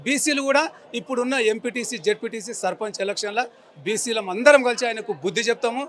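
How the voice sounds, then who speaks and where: A man's voice: extremely high pitch, fast talker, a bit bright. A man in his forties with a Telangana Telugu accent, angrily and emphatically ranting in a street interview and repeating his insults. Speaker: member of the public interviewed.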